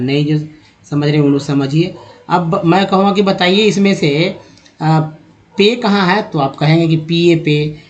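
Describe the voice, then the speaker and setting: Man from India, raised-pitch teaching voice, patient step-by-step explainer for an online phonics class. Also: muffled recording. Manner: explaining step by step, asking the viewer questions. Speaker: English teacher. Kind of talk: spoken phonics lesson.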